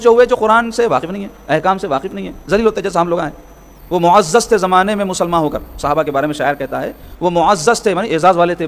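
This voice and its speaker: A man giving a sermon-style hadith lesson, explaining points step by step and asking rhetorical questions. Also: high voice. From Hyderabad, South India. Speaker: religious scholar teaching hadith.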